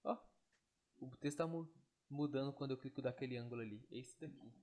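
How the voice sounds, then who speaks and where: A man teaching Greek in an online lesson, explaining step by step and checking in with quick tag questions. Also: medium pitch, warm tone.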